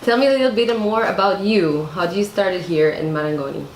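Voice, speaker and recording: A woman's voice: mid-range voice, fairly quick. A woman interviewer asking casual questions with frequent fillers. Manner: casual, laughs often, fillers like "like". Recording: echoey room, faint noise.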